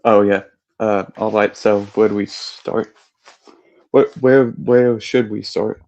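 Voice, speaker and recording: Halting man on dull lo-fi call. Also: lowish voice, steady tone, darkish tone. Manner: hesitant, halting, many fillers. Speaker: caller. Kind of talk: casual debate chat.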